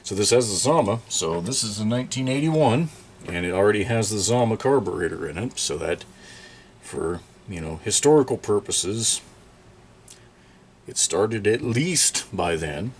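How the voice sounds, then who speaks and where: In his indoor repair workshop, a middle-aged chainsaw repair channel host talks casually through an old tool at the workbench, musing aloud as he works and exclaiming in surprise. His husky voice is on the low side, expressive, and at a normal pace, fitting the easygoing show-and-tell.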